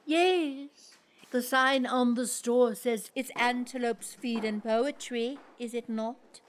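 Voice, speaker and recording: A woman's voice: on the high side, takes it slowly, slight background noise. A woman voicing a pompous, grand female poet who recites in a lofty, declamatory way in a comic audio play. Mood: commanding.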